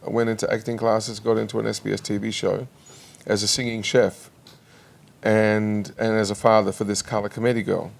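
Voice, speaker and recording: Gravelly-voiced man telling stories. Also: lowish voice, little pitch movement. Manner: chatty, halting with many restarts. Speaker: singer and actor guest. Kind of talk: casual interview chat. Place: television studio.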